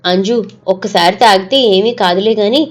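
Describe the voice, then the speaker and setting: A woman voicing a middle-aged father who is hurried and evasive, talking briskly. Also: mid-range voice, fairly even intonation, lightly acted.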